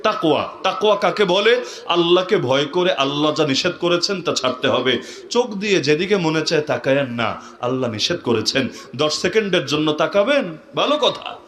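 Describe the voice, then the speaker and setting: Male preacher, higher voice, animated sermon with shouted peaks, echoey hall. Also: moderate pace. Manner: animated, rising to shouts, rhetorical questions to the crowd.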